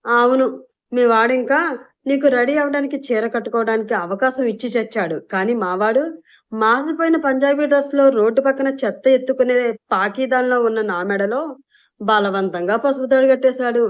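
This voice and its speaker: Woman doing a feisty sharp-tongued young wife. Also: fairly high pitch, moderate pace, natural voice. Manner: cheeky, scolding, blunt. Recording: dull lo-fi recording.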